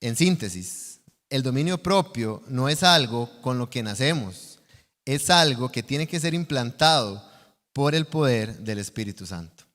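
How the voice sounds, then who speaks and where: Costa Rican preacher in a reverberant church. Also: male voice, mid-range voice, animated, a little slow, fairly bright tone. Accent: Costa Rican Spanish. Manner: earnest, teaching, asks the congregation questions. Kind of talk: sermon. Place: church sanctuary. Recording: long church hall reverb.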